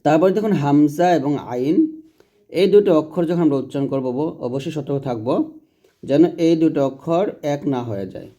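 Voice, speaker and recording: A man teaching Quranic letter pronunciation in a patient, repetitive way, drawing out each sound slowly to demonstrate it. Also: a little high, mellow, lo-fi sound. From Bangladesh. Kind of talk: recitation lesson.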